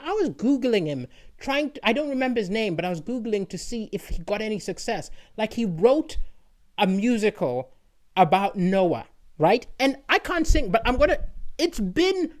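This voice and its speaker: Talking to an online audience, a man who is a comedian rambles casually in a notably high-pitched, sing-song voice at a moderate pace, frequently ending lines with "right?".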